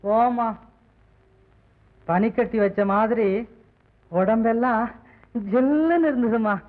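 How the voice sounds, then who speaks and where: A man's voice: extremely high pitch, slow pace. An eager young son coaxes his mother in a cheerful, pleading way. His voice comes through a tinny, phone-narrow old film soundtrack. The delivery is classic 1940s screen acting. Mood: coaxing.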